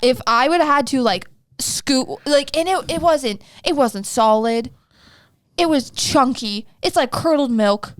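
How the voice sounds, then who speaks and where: A woman in her twenties, a podcast co-host, telling a story in casual chat, rambling and animated with lots of "like". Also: sits high, unhurried, dry recording. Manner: animated, rambling, heavy use of "like".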